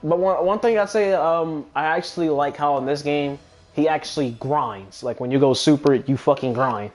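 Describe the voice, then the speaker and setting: This gamer's voice leans high with a darkish tone, and he talks at normal speed. He commentates on his own play in a loose, rambling way, cursing liberally over video game music.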